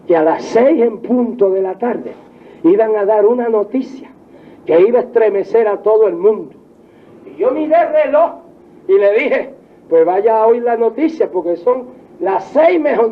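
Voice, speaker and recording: An older man preaching a fervent old-time revival sermon, stretching his phrases and crying out hallelujahs. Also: extremely high pitch. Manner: fervent, shouts hallelujahs, drawn-out emphatic phrasing. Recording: dull lo-fi archive tape with faint congregation.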